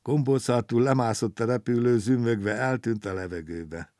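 A man reading a children's story aloud in a lively, expressive way. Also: mid-range voice, dry recording, studio quality.

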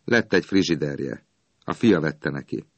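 A man's voice: a bass voice, expressive, a little mellow, no room sound, highs cut off, heavily acted. A man voicing a glum older legless man who mutters gloomily from a bench in an audiobook. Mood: gloomy.

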